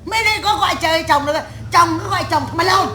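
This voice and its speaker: A stern old great-grandmother spirit, voiced by a woman medium in a séance, berates her family in a very high, sharp, piercing voice. She curses crudely and harshly without pause. The sound rings around an echoey room. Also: a little hiss or hum. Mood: ranting. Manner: harsh, crude, cursing tirade.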